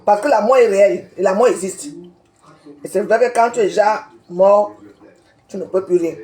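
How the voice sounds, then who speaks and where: A woman's voice: medium pitch, moderate pace, mellow. A woman from Cameroon, ranting on a live video and confronting people by name, repeating herself as she goes. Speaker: social media commentator. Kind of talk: heated live-video rant. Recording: roomy echo.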